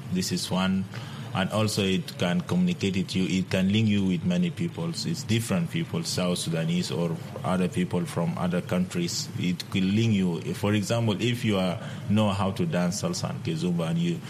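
A low, deep male voice, recorded over clear ambient noise. He is a dance instructor being interviewed, speaking halting English and often repeating words as he builds his sentences. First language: not English. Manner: halting, repeats words, non-native grammar. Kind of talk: interview answers.

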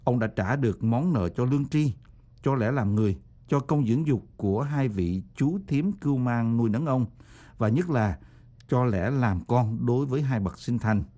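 Mellow-voiced male radio announcer. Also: mid-range voice. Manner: formal, measured reading. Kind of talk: scripted broadcast narration.

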